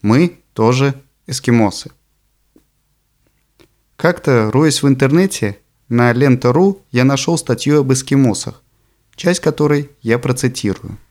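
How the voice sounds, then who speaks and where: Here a man reads from a book as an audiobook narrator, his voice medium in pitch and a little mellow. The delivery is deliberate and scripted, with every phrase placed in a measured, even way.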